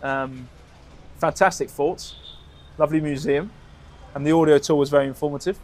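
A man's voice: on the high side, fairly even intonation, normal speed. A man co-hosting a podcast, telling travel stories in an upbeat, rambling way. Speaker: podcast co-host. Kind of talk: casual travel storytelling.

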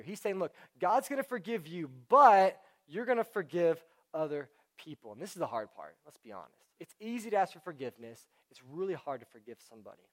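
A young man giving a casual sermon, talking conversationally with many fillers. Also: fairly high pitch. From Houston area, United States.

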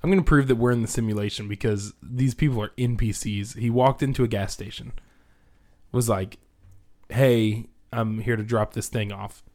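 A man's voice: fairly low pitch, normal speed. A young man co-hosting a podcast, telling stories casually and acting out quotes. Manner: animated storyteller, acts out quotes. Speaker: podcast co-host. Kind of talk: casual chat.

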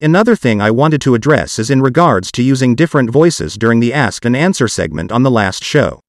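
Guy podcast host w computer generated voice, old speech synth type, scripted, pitch moves a lot, super dry. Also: expressive, brisk, no echo. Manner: evenly articulated, machine-like reading.

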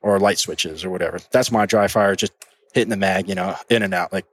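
A man's voice: low voice, steady tone, a little fast. A man, a shooting instructor, talking earnestly in a casual podcast conversation, often restarting his words.

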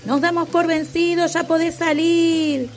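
A woman's voice: medium pitch, moderate pace, faint music behind, pitched above the performer's own voice, lightly acted. Elmer, a woman playing a teasing elephant. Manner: teasing, lively. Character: cheerful, teasing male patchwork elephant.

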